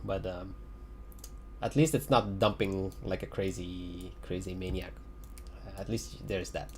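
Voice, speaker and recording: A crypto chart analyst talks casually over trading charts on a livestream, his deep voice fairly even, a little slow and mellow, with a slight hiss or hum on the audio. He is hesitant, leans on fillers, repeats phrases and chuckles, and his voice grows raspy from the long stream.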